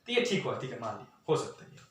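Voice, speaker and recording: A man teaching math in a lively lecture, talking straight to his students and mixing in English. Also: mid-range voice, quick pace, recorded from a distance. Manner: animated, talks straight to students, mixes Hindi and English. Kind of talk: lecture explaining at a board. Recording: very echoey room, voice from off the mic.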